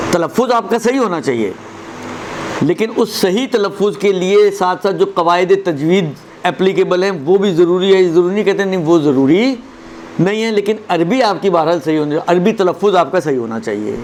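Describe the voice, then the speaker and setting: A man teaching a religious lesson on prayer recitation, explaining step by step, slowly demonstrating verses and checking in with his listeners. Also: sits high, a little mellow, slight background noise.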